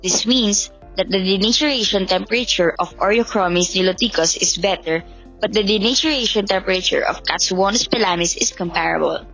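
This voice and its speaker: A woman's voice: mid-range voice, fairly bright tone, low-quality recording. A woman giving a scripted, infomercial-style explanation of student research findings. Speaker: student presenter. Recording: background music under the voice.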